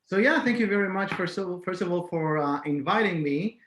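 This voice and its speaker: A man's voice: sits high, fairly quick, fairly bright tone, a little hiss or hum. A man from Israel, a guest on a podcast, telling his story in casual interview talk with many fillers and restarts. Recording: echoey room.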